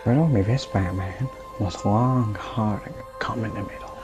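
A man's voice: fairly low pitch, moderate pace, darkish tone, soft background music, pitched below the performer's own voice, close to an everyday voice. A man doing a sly, smug Riddler. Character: smug male riddle-telling villain.

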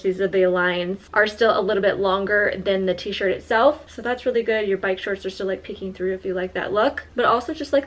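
A young woman chatting casually to her viewers in a try-on haul, full of "like" fillers, filmed in a small apartment on a camera. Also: mid-range voice. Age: young adult. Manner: chatty, frequent "like" fillers, friendly address to viewers. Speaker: lifestyle vlogger. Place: small modern apartment indoors.

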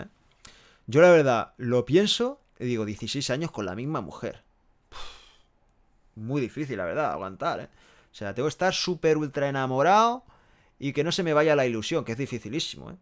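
A young man from Barcelona, live-streaming from a small room with a headset mic, reading chat messages aloud and answering them frankly. He speaks casually and keeps tagging his sentences with little questions. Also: medium pitch. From Barcelona, Spain. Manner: chatty, frank, tags sentences with "¿eh?" and "¿no?". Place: small room with a pale green wall, indoors. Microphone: headset microphone.

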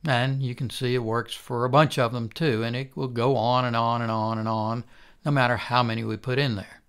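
An older man instructor giving a calm, methodical recorded programming lecture. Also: medium pitch, normal speed, smooth.

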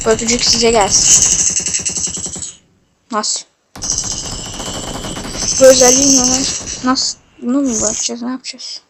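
A woman giving casual commentary while playing a mobile shooter game, excitable with loud outbursts and playful swearing, on a phone mic. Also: on the high side, a little slow, long pauses, background noise.

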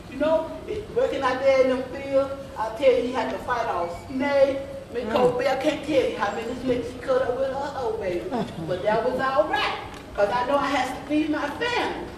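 Playing an old field-hand grandmother in an amateur gospel stage play, a woman tells a reminiscing story in a folksy, rambling, scolding drawl, calling listeners baby. Her high voice has lively intonation at normal speed. The distant camera mic picks up a roomy church hall, mid-sized, with audience noise.

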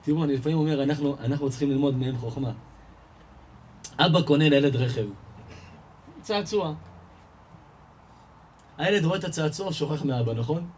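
A man giving a lively Torah lesson to an audience, telling everyday stories and firing rhetorical questions that he answers himself. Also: pauses often, slight background noise. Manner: animated storyteller, asks and answers his own questions, rises in pitch and volume. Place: live event hall before an audience.

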